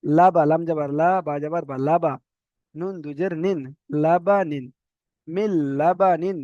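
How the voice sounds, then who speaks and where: A man with a fairly high voice teaches a reading lesson, spelling out each letter and syllable in a slow, drawn-out way and stopping again and again to check that his students follow. The sound is dry and a little dull. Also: fairly even intonation, no room sound.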